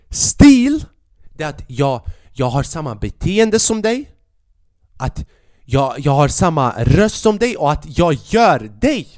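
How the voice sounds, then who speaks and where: A young man, a comedian and podcast host, telling a story in a casual, animated way, swearing often and acting out what people said. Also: a little high, no room sound, clean studio sound. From Sweden. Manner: animated, swears a lot, acts out quoted lines.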